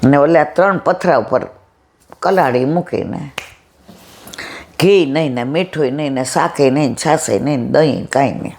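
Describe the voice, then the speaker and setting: Satsang speaker, mid-pitched, telling folk parables with lively character voices and slow moral lines. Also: vocal fry. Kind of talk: devotional storytelling talk.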